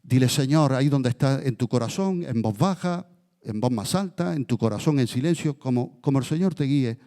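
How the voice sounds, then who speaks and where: A man leading a congregation in prayer as pastor, moving between fervent, rising declarations and hushed, slow guided prayer. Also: medium pitch, animated, long reverb tail. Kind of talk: sermon prayer. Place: church.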